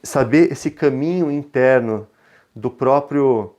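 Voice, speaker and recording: A man in his thirties with a Brazilian Portuguese accent, leading a parenting webinar in a calm, reflective, conversational way. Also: mid-range voice, slow pace, lo-fi sound. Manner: calm, reflective, gentle, often ending phrases with a questioning tag. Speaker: parenting educator presenting a webinar.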